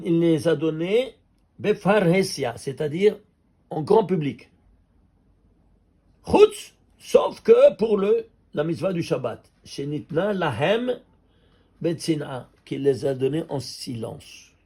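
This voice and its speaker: A man teaching a Torah class as a rabbi, an animated teacher who keeps quizzing his listeners. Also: a little high, husky. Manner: lively teacher quizzing listeners with quick questions. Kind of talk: Torah class on number mysticism.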